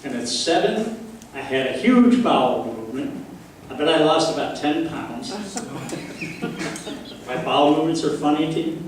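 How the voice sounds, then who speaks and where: An older man doing a stand-up comedy set on a club stage, telling stories in a deadpan way with dark punchlines. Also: on the high side, normal speed, pauses often, a little hiss or hum. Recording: echoey club audio from far off. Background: audience laughter.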